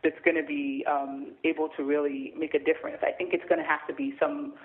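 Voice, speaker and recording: A man on the phone giving his views in a casual discussion, pausing often with ums and uhs. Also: fairly high pitch, little pitch movement, husky. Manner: hesitant, many ums and uhs. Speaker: guest commentator. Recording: tinny phone line.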